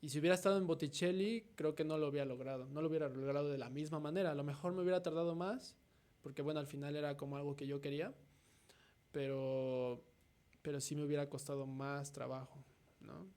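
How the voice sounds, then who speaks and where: Mexican man with a slightly high voice. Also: steady tone, fast talker, a little mellow. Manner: reflective, tags nearly every thought with a questioning "no?". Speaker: guest artist. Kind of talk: casual conversational interview.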